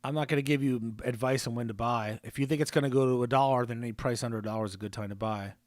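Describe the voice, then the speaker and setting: A man's voice: medium pitch, steady tone, rapid-fire, no echo, clean studio sound. A man hosting a live stream, chatting casually, joking and reading viewer comments aloud. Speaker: livestream host.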